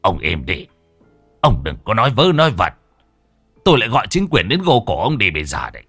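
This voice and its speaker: A man's voice: very deep voice, expressive, a little slow, gravelly, fairly bright tone, husky, no echo, faint music behind, full character voice. A man voicing a stern male servant guarding a rich man's gate who speaks curtly and threatens, in a story reading. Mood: threatening. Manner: curt, threatening.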